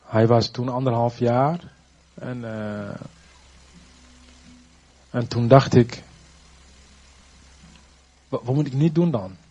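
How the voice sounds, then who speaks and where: A man giving a personal faith testimony, halting and searching for words, earnest and reflective. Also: mid-range voice, mellow, highs cut off, faint music behind.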